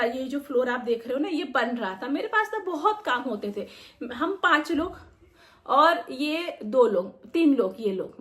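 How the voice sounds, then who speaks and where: A young adult woman vlogger telling a story in a casual, emotional way and venting her frustration. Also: high-pitched. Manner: emotional, venting, acts out quoted people.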